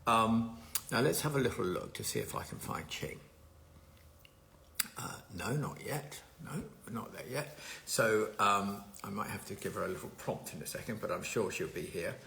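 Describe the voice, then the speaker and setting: A man hosts a casual live stream from his home. His voice is low and gravelly with a bright, forceful edge. He rambles chattily and greets viewers one by one. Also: animated, moderate pace.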